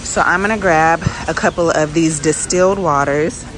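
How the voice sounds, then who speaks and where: A shopping vlogger chats informally in a low voice at a moderate pace, narrating as she goes through a large grocery store. She records on a handheld phone, and clear supermarket ambience sits behind her voice.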